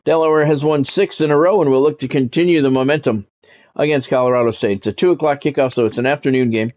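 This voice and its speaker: Speaking fast at a medium pitch over dull audio, a man streams a video game and calls the play like a sportscaster. His commentary is casual and conversational, and he thinks aloud as he goes.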